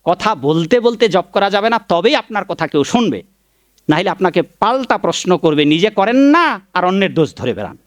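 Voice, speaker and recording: A man's voice: sits high, big pitch swings, normal speed, no room sound, studio quality. A man giving a devotional sermon, preaching emphatically, chanting mantras and fondly addressing his listeners while scolding critics. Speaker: Vaishnava preacher giving a Bhagavat discourse.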